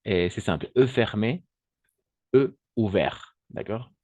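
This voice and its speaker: A man's voice: on the low side, takes it slowly, darkish tone, no room sound. A man who speaks Spanish natively teaches French pronunciation to Spanish speakers, patiently repeating words and checking in with his students. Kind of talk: online language lesson.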